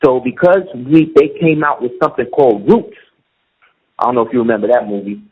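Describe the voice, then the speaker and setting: A middle-aged guest speaks in a slightly rough, mid-range voice with lively intonation and a fairly quick pace. Over muffled lo-fi audio, he talks casually but emphatically, often checking "you see what I'm saying."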